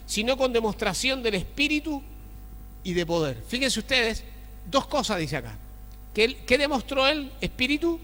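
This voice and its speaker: High-voiced pastor preaching in a reverberant hall. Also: male voice. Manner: swings between loud exclaiming and low murmured asides, asks the congregation often. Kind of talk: sermon. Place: church sanctuary.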